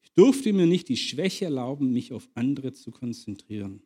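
A man preaching a sermon and reading a story aloud, emphatic and swinging between loud and hushed. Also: medium pitch, big pitch swings, moderate pace, husky.

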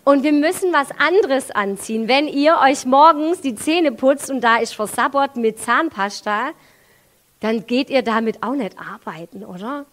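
A woman with a Swabian accent preaching a sermon in a lively way, moving from quiet to loud and using everyday examples. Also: sits high, normal speed. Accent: Swabian German. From Swabia, Germany. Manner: lively, with big swings in loudness and everyday examples.

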